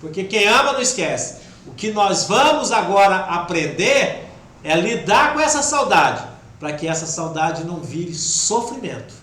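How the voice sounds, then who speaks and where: A man giving a devotional spiritist talk with a Brazilian Portuguese accent, emotional, swinging between loud urging and soft, hushed passages. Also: high-pitched, sing-song, a little slow. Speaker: spiritist lecturer. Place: spiritist center hall. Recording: echoey hall with faint background noise.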